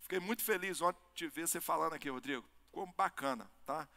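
A man preaching a sermon as pastor, swinging between loud impassioned peaks and low, weighty emphasis. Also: fast talker, creaky. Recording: long hall reverb.

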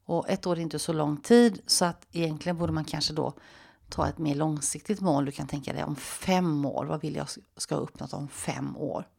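Low, gravelly-voiced woman coach. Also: steady tone, dark tone. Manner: conversational, coaching, speaks directly to the listener. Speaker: life coach and podcast host. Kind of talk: solo podcast monologue with guided visualization.

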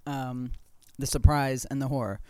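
A woman's voice: a bass voice, fairly even intonation, normal speed, dark tone, no room sound. A woman co-hosting a podcast in casual chat, upbeat and joking as she runs through the week's shows. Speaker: co-host.

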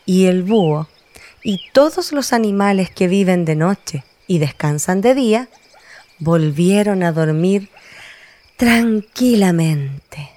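Brief: woman narrator for kids' story, slow and gentle. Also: mid-range voice, animated. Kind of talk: scripted narration.

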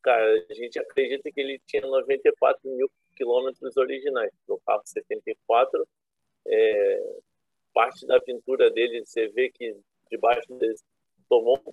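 A man's voice: mid-range voice, fairly even intonation, moderate pace, creaky, breathy edge. A Brazilian man in his thirties with a Rio accent tells casual, rambling, slangy stories as a guest on a remote call. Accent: Rio de Janeiro Brazilian. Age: 30s. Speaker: guest, classic car owner. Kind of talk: casual storytelling chat. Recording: roomy, thin phone-like internet call.

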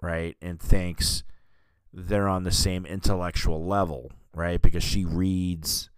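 A man talks through a movie in a loose, rambling monologue, full of fillers and restarts. His voice sits very low and comes across smooth and clean. The recording is dry and close, with no room sound. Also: flat delivery, slow, no room sound. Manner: rambling, lots of fillers and restarts, says dude and you know what I mean. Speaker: podcast host reviewing films. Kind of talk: casual film review monologue.

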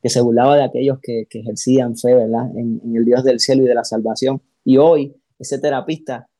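Dark-voiced man telling a testimony. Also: medium pitch, a little fast, no room sound, low-quality recording. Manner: animated storytelling, acts out quoted voices, repeats words. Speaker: pastor, interview guest. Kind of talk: emotional personal testimony.

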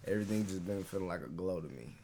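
A man on a casual podcast from the Bay Area, speaking haltingly and searching for words. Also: low voice, vocal fry, dark tone, a little hiss or hum. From San Francisco Bay Area. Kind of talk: casual chat.

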